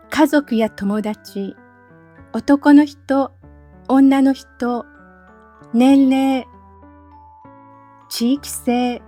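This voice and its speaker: A woman teacher giving a scripted lesson, speaking slowly and carefully with clearly spaced phrases, recorded as a voice-over. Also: sits high, mellow. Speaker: Japanese teacher.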